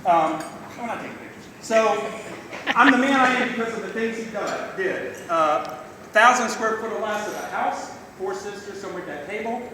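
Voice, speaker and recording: A middle-aged man gives an informal father of the bride speech, plain-spoken, salty and emotional, with halting delivery. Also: high-pitched, animated. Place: large reverberant reception room indoors. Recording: echoey hall, distant mic, noisy room.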